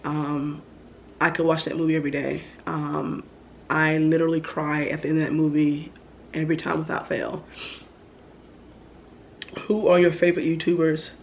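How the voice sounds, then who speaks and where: A young vlogger, stuffy as she gets over the flu, rambles chattily through a casual get-to-know-me Q&A with lots of ums. Her voice sits low and level at a normal speed with long pauses, and the lo-fi recording has a little hiss or hum.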